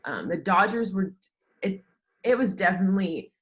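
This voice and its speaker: Her medium-pitched voice is expressive and moves at normal speed, though the recording sounds muffled. She's an American woman in her twenties, a podcast guest who works in sports social media, chatting informally and saying "like" a lot.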